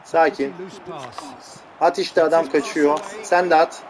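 A man's voice: on the high side, fairly even intonation, measured pace. A man giving casual, teasing commentary over his own football video game match, grumbling and joking at his players. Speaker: gameplay commentator. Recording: game crowd audio loud underneath. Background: loud game crowd noise.

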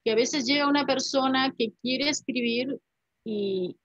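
This woman's high voice moves a little slowly as she reflects thoughtfully, frequently ending her phrases with "¿no?" She is a poet and writer in her fifties, a native Spanish speaker, appearing as a guest on a video call from a home room adorned with paintings. The laptop webcam mic produces a dry, dull recording.

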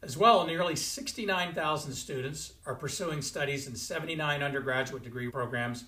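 A man's voice: a little high, bright, forceful tone. Formal older man, roomy study echo. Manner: measured, stately delivery. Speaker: university president. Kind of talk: formal commencement address. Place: home study with bookshelves. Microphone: fixed camera, chest-up framing.

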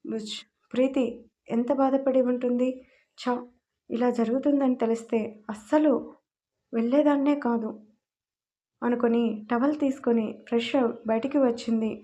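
Woman narrating a story, mellow tone. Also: a little high, steady tone, moderate pace, long pauses, lo-fi sound.

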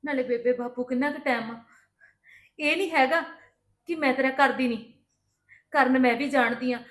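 Patient daughter-in-law played by a woman, Punjabi accent, high voice, calm and reassuring, echoey room. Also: normal speed. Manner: calm, reassuring, explaining at length. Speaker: daughter-in-law in a family drama. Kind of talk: scripted family drama acting.

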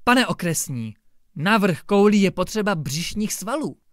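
A fussy, vengeful village policeman who finds fault with everything, played by a man reading aloud. His voice sits high with animated pitch. The recording is close and dry. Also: no echo. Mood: critical. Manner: fussy, nitpicking. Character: critical, vindictive male village gendarme.

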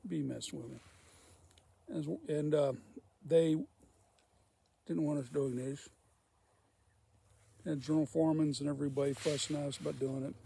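A former welder with a slightly high, creaky, warm voice tells a folksy, rambling work story while smoking a pipe, repeating himself in casual speech. The recording carries a little hiss or hum.

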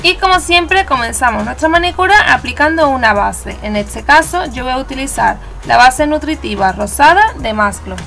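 A woman with a Spanish accent from Spain walks through a nail art tutorial, chatty and instructive, sometimes correcting herself. Her voice sits high and carries a gravelly edge. Soft music plays faintly underneath. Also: expressive, moderate pace, hardly any pauses. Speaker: nail art channel host. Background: faint background music.

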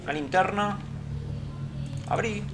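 A gamer with a Rioplatense Spanish accent giving chatty let's-play commentary into a headset mic, dropping to low mutters between startled outbursts. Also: slow, over music.

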